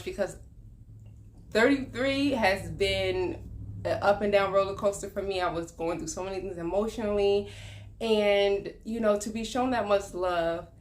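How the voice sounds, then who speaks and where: A woman in her thirties talking earnestly about her life in a personal vlog, reflective and loose, with many fillers. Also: mid-range voice. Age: 30s. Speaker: vlogger.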